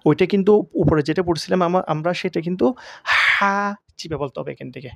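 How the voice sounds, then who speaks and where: A man's voice: high voice, brisk, vocal fry, fairly bright tone, dry recording. A man teaching Arabic letter pronunciation, drawing out and repeating each sound. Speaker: Quran teacher. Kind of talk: slow pronunciation lesson.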